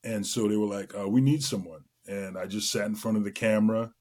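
A middle-aged man from Trinidad and Tobago, a guest entertainer telling his career story in a lively way, with many fillers. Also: fairly low pitch, a little fast. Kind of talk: casual interview chat.

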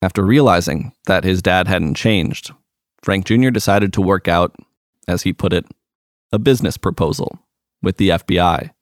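A male reporter giving scripted narration in a measured, even way. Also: low voice, no room sound, studio quality.

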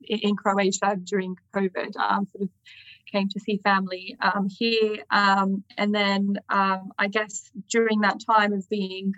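Over dull video call audio, this Australian-accented woman, a guest lawyer, hesitates through interview answers with plenty of ums. Her medium-pitched voice is flat in delivery, a bit bright, and measured in pace, with no room sound.

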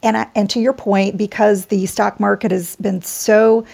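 A woman moderating a panel discussion, speaking in a measured, explanatory way. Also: medium pitch, level tone, creaky, darkish tone. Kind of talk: panel discussion on personal finance.

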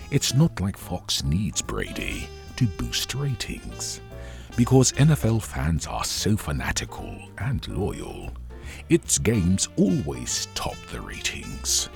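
A man's voice: extremely low pitch, vocal fry. A man hosting a podcast, reading a scripted opinion commentary in wry, wordy, formal language. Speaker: podcast host.

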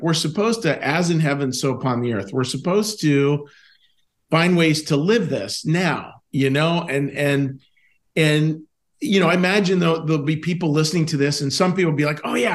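Upbeat guy hosting a faith podcast, grinning as he talks, voice on the higher side. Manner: enthusiastic, smiling while talking, asks questions. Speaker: podcast host. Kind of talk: casual theological discussion.

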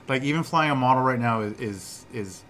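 A man's voice: mid-range voice, moderate pace, a bit bright, a little hiss or hum. A man chatting casually and laughing easily outdoors at a flying field. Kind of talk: casual chat.

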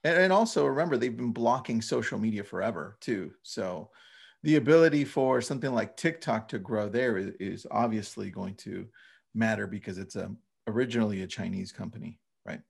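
A man's voice: on the low side, lively intonation, fairly quick, gravelly, husky. A man in his thirties or older chatting informally and emphatically as a podcast co-host. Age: 30s or older. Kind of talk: casual podcast chat.

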